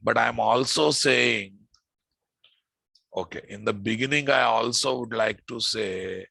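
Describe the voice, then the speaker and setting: Crisp, slow-paced Telugu-accented Indian male instructor. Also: medium pitch, pushed and bright, dry recording. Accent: Indian, Telugu-influenced. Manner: repeats phrases, frequent check-in questions. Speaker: programming instructor. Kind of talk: live coding lesson, addressing students.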